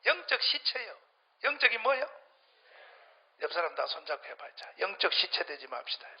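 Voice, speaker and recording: A middle-aged man preaches to a church congregation in a strikingly high voice. He swings from shouted outbursts to low, muttered asides. The dull, lo-fi sermon recording sounds muffled. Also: very animated, moderate pace, slight background noise. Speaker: pastor.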